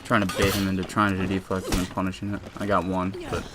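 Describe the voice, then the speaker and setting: Over a noisy background, a young man with a low, monotone voice talks fast in a casual voice-over of his own gameplay footage. His commentary is rambling and laid-back, with many fillers and restarts.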